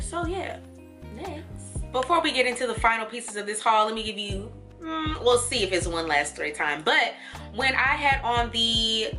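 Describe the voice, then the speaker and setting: A young woman vlogger talks through a try-on haul in a bright, forceful voice set a little high. She chats along casually and laughs easily. Soft music plays faintly behind her. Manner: chatty and animated, laughing and doing little quoted voices.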